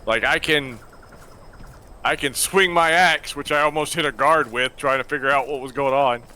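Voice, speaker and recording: A man chatting casually as he plays a game, with halting, restarted sentences. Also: medium pitch, bright, forceful tone, smooth. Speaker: gamer. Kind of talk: casual gaming chat. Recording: faint noise behind voice.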